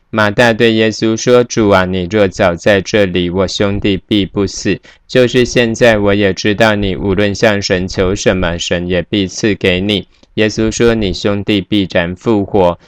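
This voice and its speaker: Low, smooth man reading scripture. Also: no echo, studio quality. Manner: steady, measured recitation.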